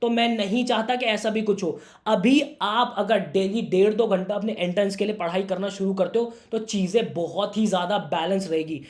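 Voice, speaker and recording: Slightly hoarse young man giving earnest advice. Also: sits high, steady tone, normal speed. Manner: earnest, brotherly, keeps calling the viewer "my brother". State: slightly hoarse from a sore throat. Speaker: career guidance YouTuber. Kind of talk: direct-to-camera advice talk for students.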